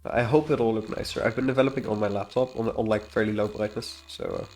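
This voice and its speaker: Faint music runs under this devlog from an indie game developer, whose slightly congested, fairly low, darkish voice moves fast with fairly even intonation. He talks casually and off the cuff, rambling hesitantly and often leaving thoughts unfinished.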